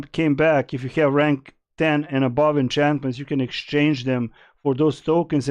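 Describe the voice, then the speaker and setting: A man's voice: a little high, a little mellow, smooth, dry recording. A young man from Serbia, casually streaming and answering chat questions in a rambling way with many fillers. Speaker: game streamer.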